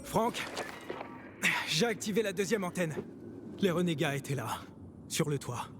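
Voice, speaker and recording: An actor playing a determined, stubborn young hero in a French video game dub, speaking earnestly. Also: male voice, high voice, animated, a little slow, noisy background. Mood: focused.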